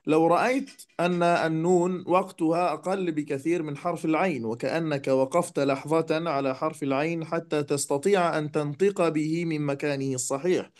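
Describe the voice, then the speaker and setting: A man teaching Quran recitation rules, explaining calmly and slowing down to demonstrate the words. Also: fairly high pitch. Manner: measured, demonstrates recitation slowly. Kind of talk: tajweed lesson explanation.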